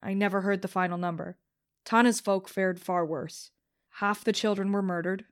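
A woman's voice: medium pitch, fairly even intonation, normal speed. A woman narrating an audiobook in the first person as a vengeful young rebel, bitter and contemptuous.

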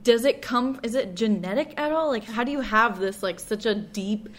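A woman's voice: on the high side, normal speed. A woman interviewing a sports announcer, asking casual, curious questions. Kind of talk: interview conversation.

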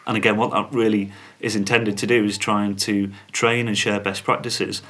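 A man speaking as a company spokesman on a podcast, giving measured, businesslike interview answers. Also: fairly low pitch, level tone, fairly bright tone. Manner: measured, corporate, uses fillers.

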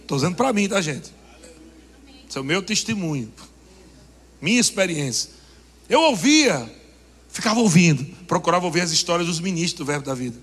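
Animated high-voiced preacher in a hall. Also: male voice, breathy edge. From Brazil. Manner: animated, joking, laughing with the congregation. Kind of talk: sermon. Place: church hall. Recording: long reverb of a church hall.

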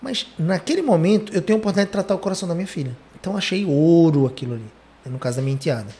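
A man hosting a conversational podcast, telling stories with lively emphasis. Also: fairly high pitch, rapid-fire. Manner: animated storytelling, lively emphasis. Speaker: podcast host.

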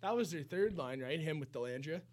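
A man co-hosting a casual hockey talk show, giving plain-spoken opinions in a relaxed way. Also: fairly high pitch, fairly quick. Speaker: podcast co-host.

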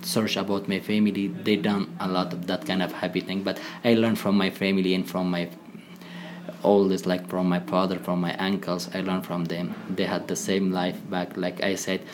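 A man with an Afghan accent, a former commando speaking as a podcast guest in halting English full of pauses and restarts. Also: low voice, little pitch movement, noisy background. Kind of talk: conversational interview.

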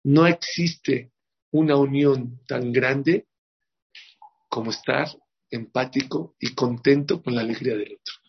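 A man gives a religious lesson as a rabbi, and he keeps asking his listeners questions. His voice is gravelly and husky at a middle pitch. The recording sounds dull and lo-fi. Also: measured pace. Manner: lively, asks the audience rhetorical questions. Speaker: rabbi teaching a Torah class. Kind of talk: religious lesson with moral teaching.

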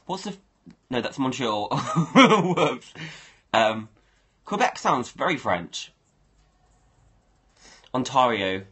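A man's voice: on the low side, fairly bright tone. A man hosting a casual livestream, rambling and thinking aloud as he talks to his viewers. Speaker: livestream host.

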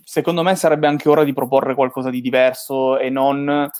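A man's voice: medium pitch, little pitch movement, moderate pace, a little mellow, dry recording. A man giving his opinions casually in a gaming talk, in a rambling way with frequent checking tags, speaking into a close microphone. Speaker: panelist on a video game talk show.

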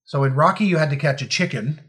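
A man's voice: a little high, quick pace, fairly bright tone. A man co-hosting a casual movie commentary, joking and riffing on scenes with frequent fillers. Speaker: podcast co-host.

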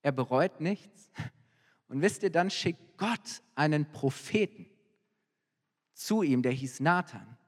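A man's voice: a little high, animated, slow pace, long pauses. A man preaching a sermon in a church hall, retelling a story earnestly and with rising emphasis. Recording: long hall reverb.

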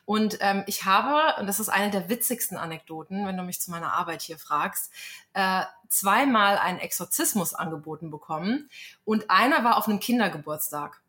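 A woman from Germany, an astrologer and tarot reader, a guest in an interview, telling stories in an animated way with frequent fillers. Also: medium pitch, normal speed. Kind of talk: casual interview conversation.

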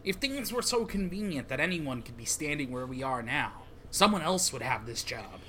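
Here is a grim, humorless soldier who speaks in stiff, solemn, measured lines, read by a man in a comic read-along. His voice has a bright edge and moves across a wide pitch range even when he is serious. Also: a little hiss or hum. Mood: cold. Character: grim, stoic adult male soldier-assassin. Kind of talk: manga read-along voice acting.

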